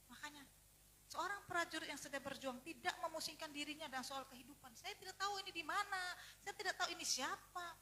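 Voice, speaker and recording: Lady pastor preaching, lively storytelling, faint hum in the background. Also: sits high, poor audio. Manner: animated storytelling, acts out dialogue, rising to loud exhortations. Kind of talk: sermon with personal testimony.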